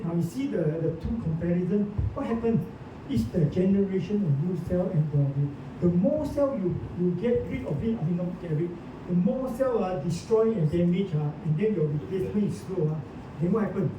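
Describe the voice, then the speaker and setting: A man's voice: expressive, normal speed. A man giving an informal lecture to a small group, constantly asking the listeners questions and filling gaps with "ah" and "uh". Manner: keeps quizzing listeners with questions, many "ah" and "uh" fillers. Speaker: presenter. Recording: echoey room, distant mic, dull sound, rumbling noise.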